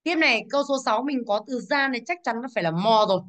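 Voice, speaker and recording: A woman teacher with a fairly high voice walks a class through exam answers at a brisk clip. She stresses each English word and keeps checking that the students follow. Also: expressive, a bit bright.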